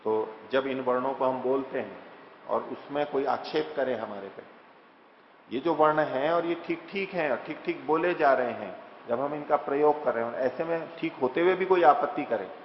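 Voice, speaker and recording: A man teaches scripture, slowly chanting verses and then unpacking them in plain talk, often asking and answering his own questions. His voice sits at an ordinary middle pitch. The recording is dull and lo-fi, with a long reverb from a large hall and a faint hiss behind. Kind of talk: scripture lecture. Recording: echoey hall, dull lo-fi sound.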